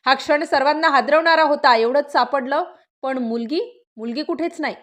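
A woman's voice: high voice, moderate pace, a bit bright. A woman narrating a scripted news story in a suspenseful, dramatic style with short clipped phrases.

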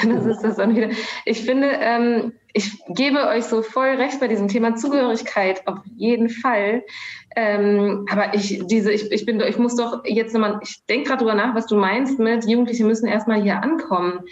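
A woman's voice: fairly high pitch, steady tone, moderate pace. A woman born and raised in Germany, a guest on a live online panel, who thinks aloud with restarts and small laughs over a video call. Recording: dull, echoey video call audio.

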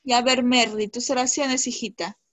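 A woman's voice: on the high side, fairly even intonation, normal speed, a bit bright, dry recording. A woman teaching an online class to schoolchildren, patient and encouraging, checking often that they follow.

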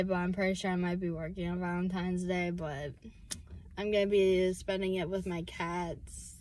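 A woman's voice: medium pitch, slight background noise. A seventeen-year-old girl vlogging while driving, rambling and hesitant with lots of fillers and restarts. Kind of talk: casual chat while driving. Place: inside a car.

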